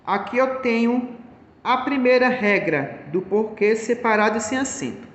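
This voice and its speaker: Man, teacher, high voice, repeats himself patiently. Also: fairly bright tone. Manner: slow, explanatory, repeats points. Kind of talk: grammar lesson. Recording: echoey room, long reverb.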